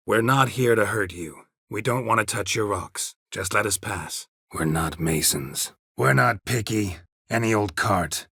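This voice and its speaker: Clean studio sound with no room tone carries an exaggerated male performance of a gruff, tired, sardonic monster hunter from a video game. The voice is low, husky and gravelly with an American accent, and the delivery is terse and deadpan.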